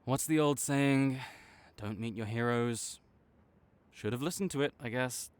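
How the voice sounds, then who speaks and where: In a dramatic audio roleplay, a man lightly acts a cocky, teasing supervillain rival who secretly cares, bantering and exasperated before faltering into awkward, grudging concern. His voice is medium-pitched, clear and resonant, with a measured pace.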